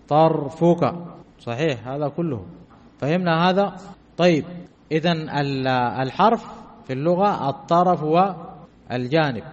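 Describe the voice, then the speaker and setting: Male grammar teacher with a somewhat high voice who keeps checking his students' understanding. Muffled, lo-fi recording in a reverberant hall. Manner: repeats key terms and quizzes listeners with short questions. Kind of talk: classroom grammar lesson. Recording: dull lo-fi sound with long hall reverb.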